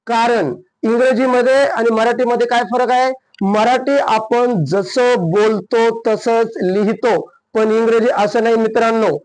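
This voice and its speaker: A man with a Marathi accent teaching an English grammar lesson, asking questions and answering them himself, and slowing down on the English examples. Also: very high-pitched, poor audio. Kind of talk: classroom-style lesson.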